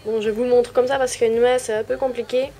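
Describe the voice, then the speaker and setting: A woman's voice: a little high, flat delivery, a little fast, background noise. A woman, casually showing and explaining her things to viewers in an easygoing, self-deprecating way. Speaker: vlogger. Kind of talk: casual show-and-tell.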